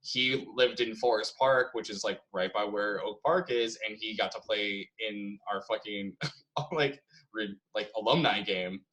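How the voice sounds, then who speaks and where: A man's voice: on the low side, unhurried, sharp tone, rough recording. A young man from the Chicago area, a podcast co-host telling stories in casual chat, laughing often and swearing freely. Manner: laughing storyteller, heavy swearing.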